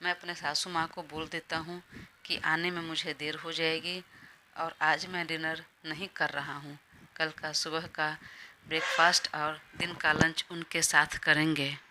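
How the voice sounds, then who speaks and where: A woman's voice: sits low, flat delivery, measured pace, noisy background. A woman voicing a caring, indulgent young male boss in an audio drama. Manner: indulgent, obliging.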